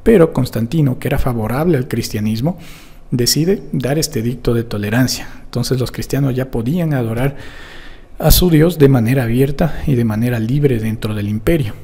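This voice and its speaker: A man with a gravelly, husky voice teaching a Bible prophecy lesson. He explains things step by step and keeps checking in with his listeners. His dark tone rings out in long reverb. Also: medium pitch, moderate pace.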